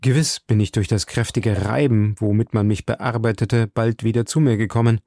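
A man giving scripted audiobook narration in a measured, dramatic first-person manner. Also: lowish voice, fairly even intonation, vocal fry, dark tone, no echo, clean studio sound.

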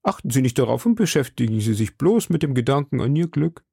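A man's voice: medium pitch, big pitch swings, quick pace, creaky, dark tone, breathy edge, no echo, clean studio sound, exaggerated voice. A man reading an audiobook who voices a timid, fretful middle-aged shopkeeper with a nervous, fawning manner. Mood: anxious. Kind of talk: audiobook character voice.

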